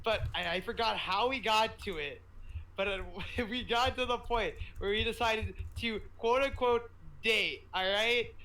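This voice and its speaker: A teenage boy with a notably high voice co-hosts a casual podcast. He tells a story in loose, stop-and-start fashion, often laughing as he goes. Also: measured pace, bright, forceful tone, rough recording. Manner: rambling, self-interrupting storytelling with frequent laughs. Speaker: podcast co-host. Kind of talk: casual chat.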